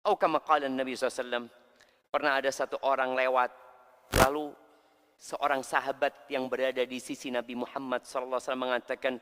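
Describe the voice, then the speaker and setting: A man preaching a sermon to a congregation, speaking lively and acting out the voices he quotes. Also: mid-range voice, quick pace, clear, resonant tone. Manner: lively, addresses listeners as "antum", acts out quoted voices. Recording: long hall reverb.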